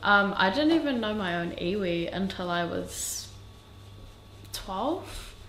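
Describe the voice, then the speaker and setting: A woman's voice: medium pitch, expressive, takes it slowly, a bit bright, echoey room, a little hiss or hum, poor audio. A teenage girl speaking earnestly, with many ums, in an interview. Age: teens. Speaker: student. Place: school kitchen.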